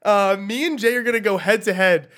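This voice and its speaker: High-voiced man with a Queens New York accent. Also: fairly quick. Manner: profane, slangy, excitable. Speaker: podcast co-host. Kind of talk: casual comedic banter.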